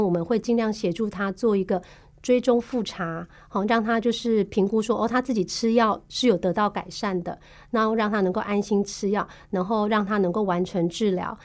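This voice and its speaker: A woman with a Taiwanese Mandarin accent speaks in a patient, explanatory way, stopping often on small fillers as she lays out medical procedures. Her voice sits at an ordinary middle pitch for a woman. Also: a little mellow. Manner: patient, explanatory, measured with frequent filler pauses. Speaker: tuberculosis case manager. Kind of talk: podcast interview.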